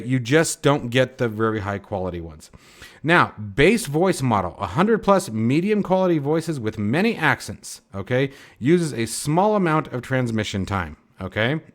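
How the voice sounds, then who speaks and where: A man hosting a flight sim video, explaining things in a casual, emphatic way and often checking in with "okay?". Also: medium pitch. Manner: emphatic, peppers lines with "okay?".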